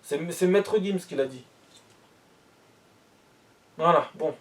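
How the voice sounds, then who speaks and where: A man's voice: fairly high pitch, takes it slowly, a bit bright, recorded from a distance. A man ranting bluntly and heatedly in a monologue, repeating himself as he reacts to the news.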